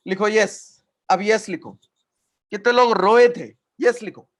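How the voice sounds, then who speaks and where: High-voiced man coaching an online class. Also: takes it slowly. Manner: energetic, repetitive coaching, asks the chat for replies. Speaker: network marketing trainer. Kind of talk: live online training session. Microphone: video call.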